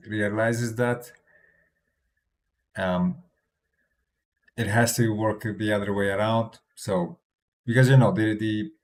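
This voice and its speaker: A crypto trading streamer with a fairly low voice comments casually on market charts in English, which is not his first language. He speaks haltingly, restarting often, habitually tacking on "right?" and chuckling softly between points.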